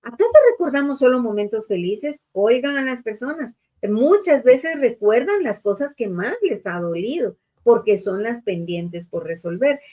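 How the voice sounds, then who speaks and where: A woman's voice: on the high side, animated, normal speed, few pauses, warm tone. A middle-aged woman hosting a show, talking earnestly about grief and faith and speaking straight to her listeners. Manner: earnest, addresses listeners directly, frequent tag questions. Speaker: radio or TV show host.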